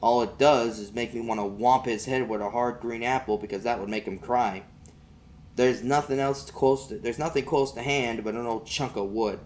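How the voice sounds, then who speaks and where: Reading a first-person story in a folksy manner, this amateur male narrator has a medium pitch, a darkish tone, fairly even intonation and a normal pace. Some light background noise runs beneath it.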